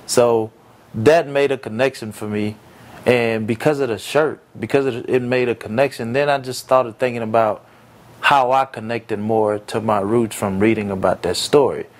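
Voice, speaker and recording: Speaking at a medium pitch, a young entrepreneur who was born in Haiti and grew up in America answers interview questions. He is earnest and reflective, with frequent pauses and fillers.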